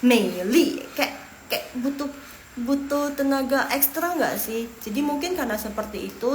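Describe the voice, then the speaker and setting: Chatty Indonesian woman teaching Mandarin. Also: mid-range voice. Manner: chatty, repeats words slowly for pronunciation. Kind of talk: casual online language lesson. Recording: roomy echo with faint room noise.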